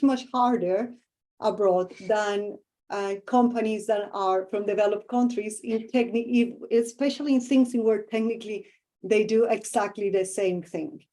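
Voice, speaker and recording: A middle-aged woman, a professor with a Colombian Spanish accent, gives thoughtful answers in an interview while groping for words and leaning on plenty of fillers. Her voice is medium in pitch and mellow.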